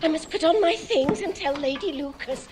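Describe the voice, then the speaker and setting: A frantic middle-aged mother of five in a period film. Her very high voice flutters between fuss and near tears. A faint hiss of film soundtrack noise runs behind her. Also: animated, moderate pace. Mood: overjoyed. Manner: fussy and hysterical, near tears.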